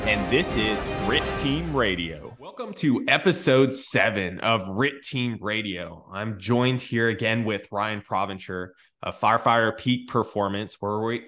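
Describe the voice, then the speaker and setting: A man's voice: lowish voice, fairly bright tone. A man hosting a podcast interview, introducing the episode and asking questions with many fillers and restarts. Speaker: podcast host.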